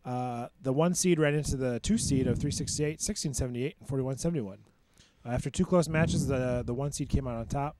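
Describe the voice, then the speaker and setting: A young man co-hosting a podcast, reading results with fillers and quick reactions. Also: mid-range voice, noisy background. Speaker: co-host. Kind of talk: podcast rankings recap.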